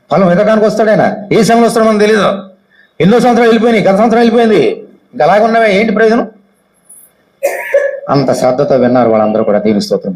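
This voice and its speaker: A man's voice: on the high side, low-quality recording. An Indian man preaching as a pastor, reading scripture aloud and often firing questions at his congregation, his voice rising and falling. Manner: questions the congregation often, swings loud and soft with repeated phrases. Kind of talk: sermon with Bible reading. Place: church hall.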